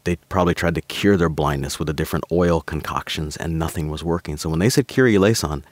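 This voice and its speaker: A man's voice: rumbling low, fast, dry recording. A man, a pastor and author, guesting on a faith podcast, explaining scripture in an enthusiastic conversational way. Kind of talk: conversational teaching.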